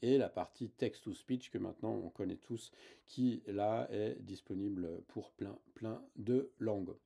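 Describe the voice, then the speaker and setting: A man's voice: fairly low pitch, measured pace, creaky, mellow, breathy edge. A man hosting a casual tech tutorial, talking hesitantly with many fillers and restarts.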